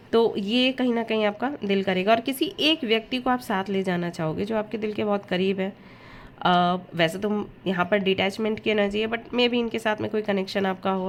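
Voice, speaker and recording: A woman's voice: medium pitch, a little hiss or hum. A woman giving a casual tarot reading. She speaks straight to the listener and slips English words into her talk. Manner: chatty, addresses viewer directly, mixes English words into Hindi. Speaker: tarot reader.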